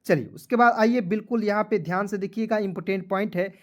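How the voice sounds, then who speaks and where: A tired man teaching an online lesson, spelling out English words letter by letter, then slowly saying each one while checking that viewers follow. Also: high voice. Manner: keeps addressing viewers as friends, checking "clear?".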